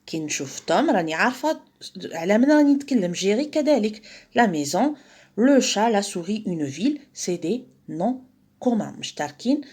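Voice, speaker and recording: Algerian woman teaching French, husky and lively. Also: medium pitch. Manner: mixes French with Algerian Arabic, repeats key words slowly. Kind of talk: primary school lesson, explaining a textbook page.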